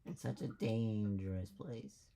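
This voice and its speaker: A man voicing a slow, wary talking tree in a tabletop game, questioning and admonishing. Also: fairly low pitch, creaky, mellow, slight background noise. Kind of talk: tabletop role-play character voice.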